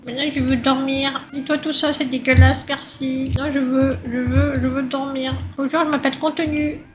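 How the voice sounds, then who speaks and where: A woman's voice: sits high, level tone, normal speed, background noise. A woman doing casual gameplay commentary, speaking as her baby character in a whiny, crude way and swearing a lot. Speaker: let's play gamer.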